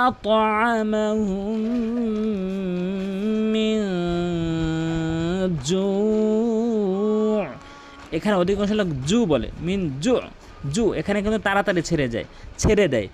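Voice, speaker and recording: High-voiced man teaching recitation. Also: slight background noise. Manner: explains each sound, then chants the verse slowly. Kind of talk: Quran recitation lesson.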